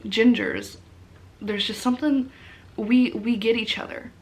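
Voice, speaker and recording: A woman's voice: fairly high pitch, steady tone, unhurried, slight background noise. A tired woman chatting casually to camera as a book vlogger, informal, rambling and self-deprecating. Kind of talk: casual rambling chat to camera about books.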